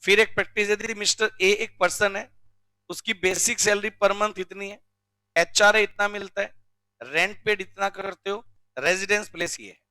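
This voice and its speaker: A male teacher from India giving a classroom lecture, drilling rules slowly and often checking with questions. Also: sits high, fairly even intonation, sharp tone, clean tone, no echo. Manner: recites rules slowly word by word. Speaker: commerce teacher.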